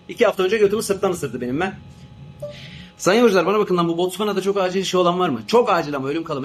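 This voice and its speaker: A fed-up airline captain, played by a man, rattles off his complaints at a quick clip in a fairly high voice. He swings between swearing rants and mock-formal cabin announcements, with a faint rumble underneath. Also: natural voice. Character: exasperated male airline captain, always flown to Africa. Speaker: comedian doing a character. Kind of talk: comic monologue sketch.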